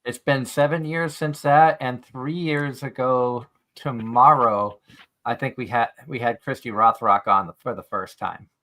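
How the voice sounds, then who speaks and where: Bright, forceful-voiced man hosting a stream. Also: medium pitch, a little slow. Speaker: stream show host. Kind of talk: casual chat, reading out viewer comments.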